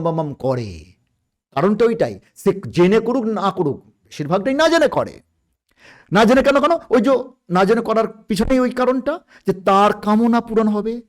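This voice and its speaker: A man speaking as a guest on a podcast, explaining spiritual ideas in a measured way and pausing to search for words. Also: sits high, darkish tone.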